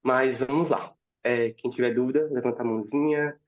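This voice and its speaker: A man's voice: mid-range voice, fairly even intonation, brisk. Man, class host, has a cold, encouraging, keeps checking in, muffled video-call sound. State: has a cold, voice may crack. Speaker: class instructor. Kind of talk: online class hosting.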